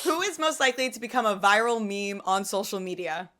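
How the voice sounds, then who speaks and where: A woman's voice: medium pitch, expressive, a little fast, a bit bright. A woman hosting a casual live interview, upbeat, reading out questions. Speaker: interview host.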